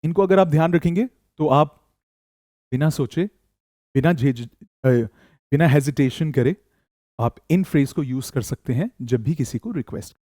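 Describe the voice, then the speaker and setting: A man teaching spoken English in Hindi, reading model sentences slowly for learners to repeat and praising them often. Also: a little high, dark tone, no room sound, studio quality.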